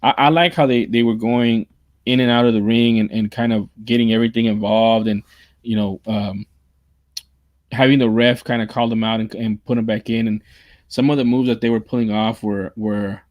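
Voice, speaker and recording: A man's voice: fairly low pitch, steady tone, moderate pace, darkish tone, no room sound. A man co-hosting a casual wrestling livestream, rambling through his thoughts with restarts and easygoing fillers. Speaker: podcast co-host.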